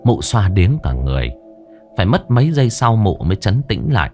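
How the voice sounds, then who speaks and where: A man's voice: fairly low pitch, very animated, fairly quick, a little mellow, faint music behind. A man, narrating a ghost story dramatically.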